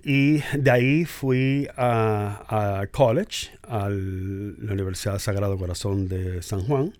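Cuban-born man in his 60s, low-ish register, hesitant, dry close mic. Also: steady tone, darkish tone, no echo. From Cuba. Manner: hesitant, many drawn-out "eh" pauses. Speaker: guest, physician. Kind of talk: reflective interview talk.

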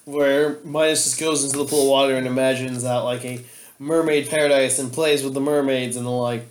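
A man co-hosting a casual podcast, throwing in quick laughing asides and wrapping up the show. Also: medium pitch, fairly even intonation. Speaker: podcast co-host. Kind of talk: casual chat. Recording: echoey room with faint noise.

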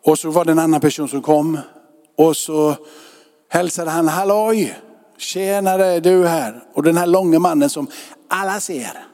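A man's voice: on the high side, steady tone, darkish tone, long reverb tail. A man preaching a sermon in a conversational way, often asking his listeners whether they follow him. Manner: conversational preaching with rhetorical questions. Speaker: pastor. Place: church.

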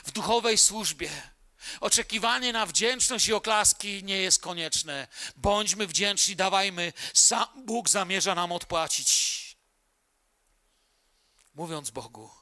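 A man preaching a sermon as pastor, emphatic and stretching key words slowly. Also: sits high, pushed and bright.

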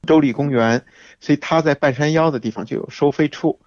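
A man as the guest on a radio talk show, explaining things in a measured way with frequent fillers. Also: a little high, a little mellow, no room sound, highs cut off. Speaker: guest hiking expert. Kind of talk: casual radio interview.

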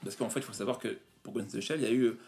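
A man presenting retro video games in a casual chat, pausing often with fillers. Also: fairly low pitch, steady tone, gravelly, a little mellow. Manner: hesitant, many fillers. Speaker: game presenter.

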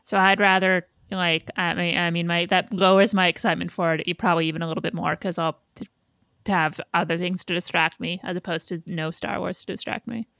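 A woman's voice: lowish voice, steady tone, brisk, vocal fry, fairly bright tone, no echo. Blunt woman, dry close sound. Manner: blunt, opinionated, swears casually. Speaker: podcast co-host. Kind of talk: casual fan chat.

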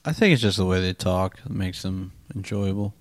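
A man's voice: low voice, moderate pace, no echo. A young man co-hosting a podcast, talking casually and joking at his own expense about movies. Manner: joking, self-deprecating, laid-back. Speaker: podcast co-host. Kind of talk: casual film review chat.

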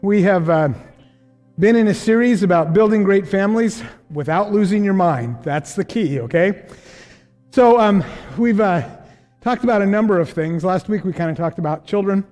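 Breathless high-voiced pastor, older man. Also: moderate pace, a little mellow, faint music behind. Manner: chatty, self-deprecating, laughs often. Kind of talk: casual sermon. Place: church sanctuary.

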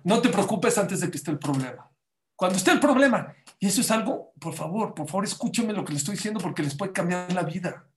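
Emphatic high-voiced rabbi preaching. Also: male voice, a little hiss or hum. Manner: emphatic, preachy, addresses the audience directly with rhetorical questions; mixes in Hebrew religious terms. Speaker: rabbi teaching a Torah class. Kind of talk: Spanish-language Torah sermon. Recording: roomy echo.

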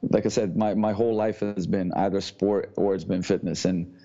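A man from Slovenia, a gym owner speaking as a podcast guest in a halting way, often repeating words before going on. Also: low-pitched, steady tone, warm tone. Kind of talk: casual interview talk. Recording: dull lo-fi audio.

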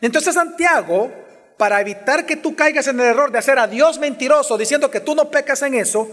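A high-pitched man delivers a teaching sermon, speaking straight to the people in front of him and pressing his points with changing emphasis. His voice carries a long reverb from a large church hall. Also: fairly quick, a bit bright. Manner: expository preaching, shifting pace and emphasis, addresses congregation directly. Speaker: pastor.

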